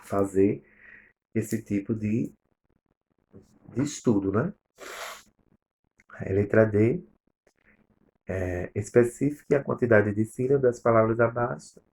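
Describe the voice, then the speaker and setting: A Brazilian man with a lowish, gravelly voice goes over exercise answers like a teacher. He explains step by step and reads each answer aloud at an even, steady clip. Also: slow pace, pauses often, slight background noise. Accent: Brazilian Portuguese. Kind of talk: recorded remote lesson review.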